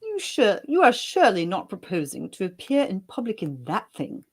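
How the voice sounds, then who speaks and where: A man's voice: high-pitched, wildly swooping pitch, moderate pace, a little mellow, slightly rough, pitched above the performer's own voice, full character voice. A man voicing a prim, disapproving male valet, who speaks stiffly and formally. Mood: coolly disapproving.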